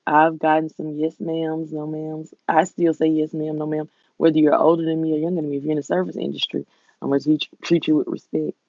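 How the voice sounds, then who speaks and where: A woman with a Southern US accent and a folksy, drawn-out drawl, chatting casually with viewers as a livestream host. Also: low-pitched, level tone, warm tone, dry recording, dull audio. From southern United States.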